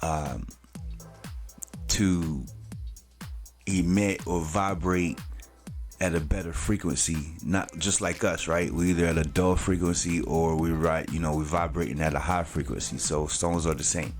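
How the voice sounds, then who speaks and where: Soft background music accompanies this channel host, a man in his forties with a low-pitched voice and steady tone who speaks a little slowly. His talk is loose, slangy and filler-heavy, peppered with "you know" and casual swearing.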